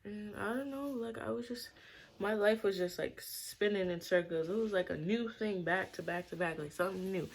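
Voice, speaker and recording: A woman's voice: mid-range voice, normal speed, creaky. A young woman vlogger telling a personal story in her bedroom, rambling and saying "like" constantly. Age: young adult. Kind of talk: casual storytime vlog. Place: bedroom at home.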